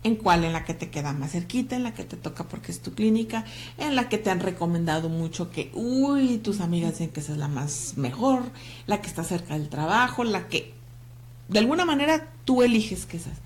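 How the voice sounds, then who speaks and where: A woman with a Mexican Spanish accent hosting a talk show, animated and joking, greeting viewers by name. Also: on the low side, fairly quick. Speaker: host. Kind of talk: lively talk show chat.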